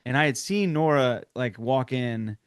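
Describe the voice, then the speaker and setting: A man's voice: mid-range voice, measured pace, smooth, no echo, clean studio sound. Man telling a story in a rambling, laughing way. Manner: rambling, many restarts and fillers, laughs. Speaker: guest. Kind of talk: casual interview chat.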